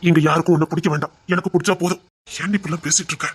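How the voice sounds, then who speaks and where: A woman's voice: on the low side, fairly even intonation, rapid-fire, breathy edge. A woman voicing a drunk, possessive young husband who slurs and insists. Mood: earnest insistent.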